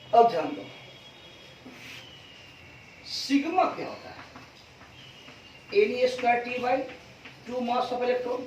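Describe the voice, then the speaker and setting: A man teaching a physics class, repeating key terms slowly and quizzing students with call-and-response questions. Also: extremely high pitch, a little mellow, slight background noise. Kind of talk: classroom lecture. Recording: echoey, distant, dull classroom recording.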